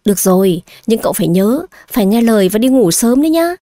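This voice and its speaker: A woman's voice: on the high side, expressive, quick pace, warm tone, dry recording, lightly acted. Woman voicing a polite old housemaid in her sixties, patient and coaxing, close dry read.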